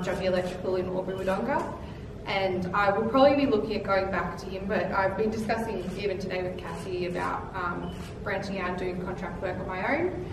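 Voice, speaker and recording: Young Australian woman tradie, chatty, distant mic with room hiss. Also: mid-range voice. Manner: chatty, with fillers and laughs. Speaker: qualified electrician, panel member. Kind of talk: panel discussion. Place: large plain meeting room, seated at table. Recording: echoey room from far off, noisy.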